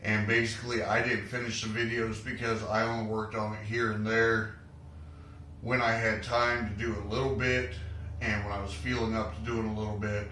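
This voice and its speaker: A man's voice: fairly low pitch, flat delivery, sharp tone, recorded from a distance, a little hiss or hum. Out-of-breath man in a roomy garage. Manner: plainspoken, unhurried, halting with fillers. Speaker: garage channel host. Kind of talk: casual vlog update. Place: home garage.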